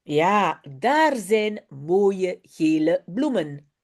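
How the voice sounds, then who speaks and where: A hoarse woman voicing the little girl Janneke as she reads a storybook aloud. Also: fairly low pitch, very animated, extremely slow, a little mellow, voice pushed down, exaggerated voice. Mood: sensible.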